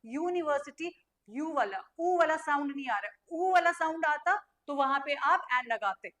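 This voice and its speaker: A young woman teaching an online grammar lesson. She asks her students questions and answers them herself, and she spells letters out slowly. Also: high voice, animated, fairly bright tone.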